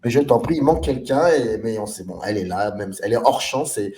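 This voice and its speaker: A man's voice: mid-range voice, animated, a little fast, a little mellow, a little hiss or hum. A man hosting a film discussion show in a casual, hesitant way, with lots of fillers and restarts as he introduces guests and films.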